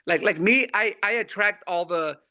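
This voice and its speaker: A man with a high, bright voice talks in a loose, slangy way as a guest comedian. He stumbles and repeats words often. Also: normal speed. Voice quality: unusually high voice for his look. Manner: laid-back slangy talk, many repeats. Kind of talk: casual interview chat.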